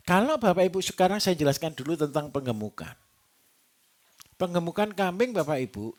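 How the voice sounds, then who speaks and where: A man with a Javanese accent gives a livestock-farming seminar, quizzing the audience and joking as he goes. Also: mid-range voice. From Java. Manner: lively, quizzing the audience with jokes. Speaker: livestock trainer. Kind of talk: seminar talk to a live audience.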